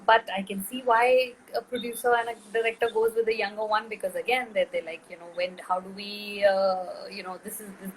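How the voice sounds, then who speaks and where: A woman's voice: mid-range voice, steady tone, a little fast, few pauses, slight background noise, poor audio. A middle-aged woman, a film director being interviewed, speaking thoughtfully with frequent fillers and restarts. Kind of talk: interview conversation.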